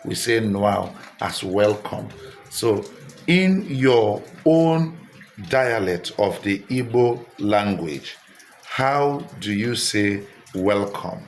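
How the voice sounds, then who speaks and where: Nigerian man, low-pitched, casual vlog host who keeps urging viewers to comment. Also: takes it slowly, slight background noise. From Delta State, Nigeria. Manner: repetitive, engaging, coaxing viewers to comment. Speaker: social media creator. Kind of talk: casual direct-to-camera vlog.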